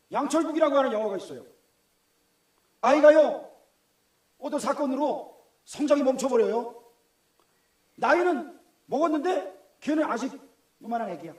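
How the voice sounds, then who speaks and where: A man's voice: very high voice, darkish tone. A middle-aged man with a Gyeongsang Korean accent, preaching a sermon in a conversational way and asking the congregation questions. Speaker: pastor. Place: church hall. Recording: echoey church room.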